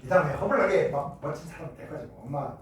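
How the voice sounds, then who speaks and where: A middle-aged man from Jeju Island telling a childhood story in a classroom chemistry lecture, acting out shouting voices along the way. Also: high-pitched, moderate pace, slight background noise. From Jeju Island, Korea. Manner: animated, acts out shouting voices in his stories. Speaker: chemistry teacher. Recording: echoey room, mic far off.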